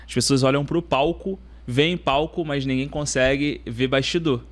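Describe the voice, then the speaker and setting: A man hosting a podcast, asking follow-up questions and giving motivational talk with deliberate repetition. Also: medium pitch, fairly even intonation. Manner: motivational, repeats points, asks follow-up questions. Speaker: podcast host. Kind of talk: podcast interview.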